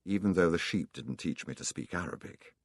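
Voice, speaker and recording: An earnest, hopeful young shepherd, read by a man in an audiobook. The voice stays very low but moves animatedly in pitch. The recording is dry and close. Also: animated, a little fast, husky, dry recording.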